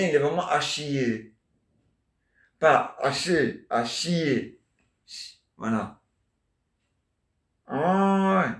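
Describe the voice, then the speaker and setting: A man doing a rambling improvised comic monologue, answering imagined listeners and tacking on questions. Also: on the high side. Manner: chatty, answers imagined listeners, constant "hein?" and "ah ouais". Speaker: amateur solo stage performer. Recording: echoey room.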